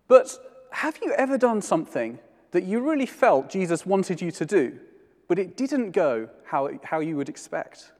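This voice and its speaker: A man preaching a sermon in a church, conversational and halting, often restarting his sentences. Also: high voice, very animated, a little mellow, big-room sound.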